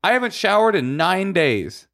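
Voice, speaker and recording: An American man co-hosting a podcast in casual comic banter, with an animated, teasing way of talking. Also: high voice, moderate pace, gravelly, dry recording, clean studio sound. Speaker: podcast co-host.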